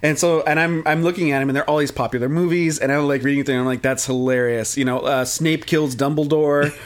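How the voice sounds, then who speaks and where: Rambling jokey man, slightly high voice. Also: steady tone, fast. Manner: rambling, jokey, slips into mocking movie voices. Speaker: podcast co-host. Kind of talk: casual chat.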